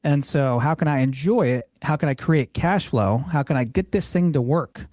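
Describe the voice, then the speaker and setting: A man with a slightly raised pitch walks a listener through retirement spending in an easygoing, earnest podcast chat. He restates his points as he goes, recorded close and dry with no room sound. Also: moderate pace, warm tone, no room sound. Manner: earnest, explanatory, repeats phrases when reframing. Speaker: financial planner, show host. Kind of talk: casual podcast conversation.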